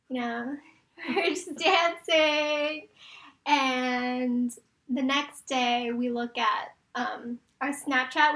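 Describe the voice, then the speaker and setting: Slow, high-voiced young woman telling a story. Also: a bit bright. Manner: rambling storytelling with lots of fillers. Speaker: podcast co-host. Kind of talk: casual chat.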